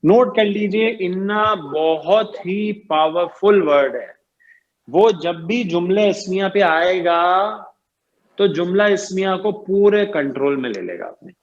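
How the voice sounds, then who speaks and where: A man's voice: high voice, muffled recording. A man teaching Arabic grammar in an online lecture. He stretches out key terms and keeps quizzing his students. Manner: repeats "ٹھیک ہے جی" and "صحیح ہے جی" often.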